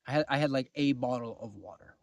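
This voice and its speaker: A man casually telling a long personal story to the camera, exasperated at times and dropping to low mutters. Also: fast, creaky, darkish tone, no room sound, clean studio sound. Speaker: vlogger.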